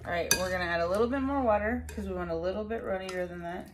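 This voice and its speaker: A woman's voice: mid-range voice, fast. Chatty woman teaching in a noisy kitchen. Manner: chatty and instructive, guiding a helper step by step. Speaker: home cooking host. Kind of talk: casual cooking tutorial. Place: home kitchen. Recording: kitchen clatter of dishes and utensils. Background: clinking dishes and cutlery.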